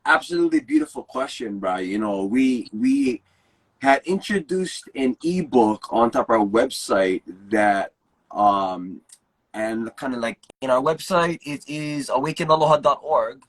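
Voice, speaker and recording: In poor audio, this young Hawaiian guest talks at an unhurried pace and medium pitch. Speaking Hawaiian Pidgin English, he chats casually with earnest, animated delivery and Pidgin phrasing.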